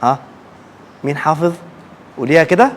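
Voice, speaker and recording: A woman's voice: low-pitched, lively intonation, a little fast, slight background noise. A woman with an Egyptian accent teaching a class of children in call-and-response, asking questions and repeating their answers back.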